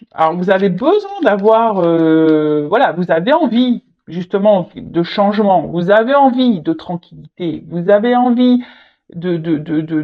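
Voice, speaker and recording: A tarot reader talks through a casual reading, stumbling and repeating words as the thoughts come. The voice sits at a middle pitch, and the recording sounds dull and lo-fi. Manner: halting, repeats words, frequent "hein" tags.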